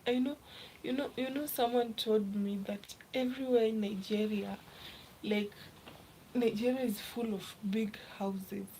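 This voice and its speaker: A young woman from Kenya chatting casually on a live stream, reading viewer comments aloud and often dropping to a soft, half-whispered voice. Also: a little high, fairly even intonation, measured pace, a little hiss or hum, low-quality recording. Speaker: livestreamer.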